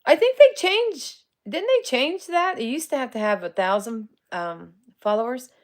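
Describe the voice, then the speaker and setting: Her voice is high with lively intonation, and she keeps a moderate pace. A psychic medium and paranormal streamer in her forties, she chats casually on a livestream answering viewer comments, frequently laughing, greeting folks by name and speaking with colloquial grammar.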